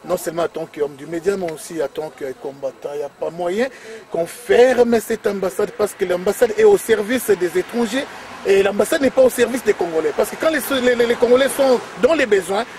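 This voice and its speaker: A man's voice: high-pitched, a little fast, a little mellow. A man interviewing on the street, pressing with rhetorical questions and firm statements. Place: outdoors on a city street. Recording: street noise and traffic behind.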